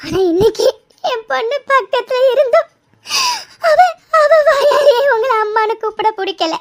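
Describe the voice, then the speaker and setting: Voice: very high voice, animated, moderate pace. A voice actor playing a grieving middle-aged mother in a cartoon, sobbing and pleading for her lost daughter.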